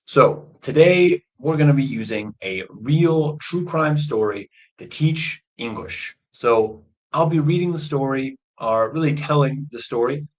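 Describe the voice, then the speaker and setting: Speaking slowly and plainly during a live stream, a man teaches English through a true story, pausing to give clear explanations of key words. His pitch is mid-range for a man. The recording, made on a livestream microphone, is low quality.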